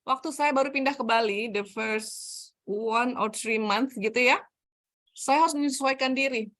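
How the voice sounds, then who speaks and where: A woman's voice: a little high, unhurried, a bit bright. A middle-aged woman giving a chatty, anecdote-filled career talk over a video call. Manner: chatty, anecdotal, laughs between stories. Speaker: HR trainer, session speaker.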